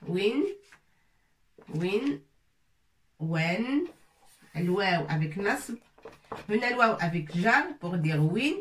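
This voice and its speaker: A slow, patient woman who teaches Arabic leads a letter-by-letter pronunciation lesson, repeating sounds slowly and drilling syllables individually. Her mid-range voice is a bit bright. She's recorded from a distance, a bit off-mic, in an echoey room with faint noise.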